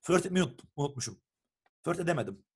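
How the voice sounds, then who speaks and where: A young man from Turkey, telling a long story in a casual, animated chat and acting out what people said. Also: a little high, fast, breathy edge. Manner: animated storyteller who acts out quoted texts and swears casually.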